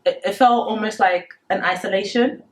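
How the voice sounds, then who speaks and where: In a conversational interview, a twenty-something woman from the DR Congo, whose first language is Lingala, hesitantly reflects on her past. Her voice is mid-range at a moderate pace, captured on a low-quality recording.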